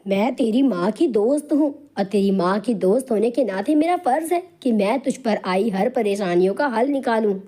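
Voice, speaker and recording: A woman voicing a kind middle-aged family friend who speaks gently and reassuringly in an animated storybook. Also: fairly high pitch, moderate pace, hardly any pauses. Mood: caring.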